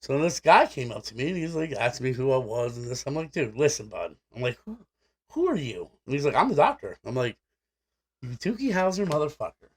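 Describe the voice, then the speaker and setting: A man's voice: medium pitch, very animated, fairly quick, husky. A man co-hosting a casual podcast, telling a story in a blunt, profane, rambling way. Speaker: podcast co-host.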